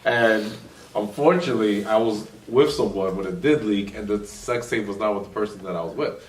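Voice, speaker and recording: Low-voiced man with wry remarks. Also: normal speed, far from the mic. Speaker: podcast co-host. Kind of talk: casual chat. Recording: roomy, from away from the mic.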